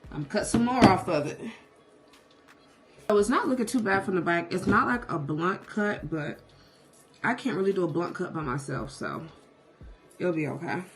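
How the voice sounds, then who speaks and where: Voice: mid-range voice, animated, normal speed, long pauses, a bit bright, faint music behind, low-quality recording. A beauty vlogger chatting casually through a hair tutorial at home, with sassy, playful, self-hyping slang. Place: indoors at home. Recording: noticeable background noise, clicks.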